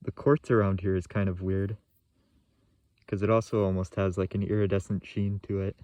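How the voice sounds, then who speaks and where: Low-voiced young man, casual vlogger. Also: flat delivery, normal speed, warm tone, no room sound, studio quality. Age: young adult. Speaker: rock hunting vlogger. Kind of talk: casual vlog commentary. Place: outdoors in a yard and rock field, or inside a parked van. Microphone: phone at arm's length.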